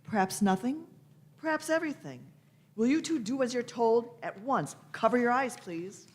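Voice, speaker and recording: A woman's voice: a little high, lively intonation, moderate pace, a little mellow, lightly acted. A woman playing an imperious, eccentric elderly time-traveller in a radio play, fussy and theatrical, repeating her phrases. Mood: imperious, impatient. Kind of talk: live staged radio play.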